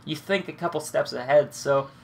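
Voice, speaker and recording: Stuffed up from a cold, this young man talks over his own gameplay in a loose, laid-back ramble peppered with swearing. He speaks at normal speed in a fairly high, creaky voice, with a little background noise behind him.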